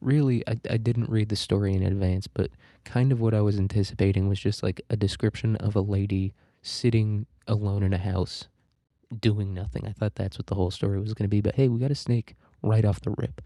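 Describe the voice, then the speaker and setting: A man with a dark, mellow, fairly low voice reads a story aloud and keeps stopping for crude, irreverent jokes. The sound is dry and close, with no room echo. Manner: irreverent, swearing, laughing asides. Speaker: podcast host. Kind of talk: reading a story aloud with casual commentary.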